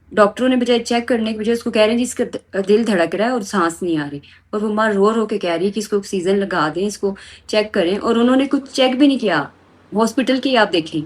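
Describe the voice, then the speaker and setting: A woman, telling a victim's account and appealing urgently to viewers. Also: medium pitch. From Pakistan. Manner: emotional, urgent, indignant. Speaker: activist relaying a victim's account.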